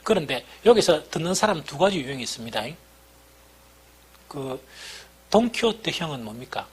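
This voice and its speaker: Husky Gyeongsang-accented pastor preaching. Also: male voice, a little high, very animated, moderate pace. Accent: Gyeongsang dialect. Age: middle-aged. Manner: folksy storytelling, self-deprecating humor. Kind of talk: sermon.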